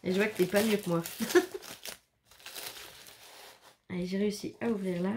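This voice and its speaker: A woman's voice: medium pitch, fairly even intonation, normal speed, darkish tone, a little hiss or hum. A woman chatting casually as she unboxes handmade scrapbook albums, exclaiming and laughing often. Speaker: scrapbooking vlogger.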